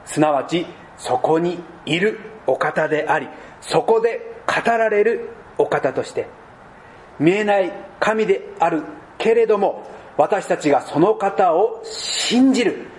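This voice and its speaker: A man preaching a sermon as pastor, speaking deliberately and dropping to soft, low tones at key points. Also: lively intonation.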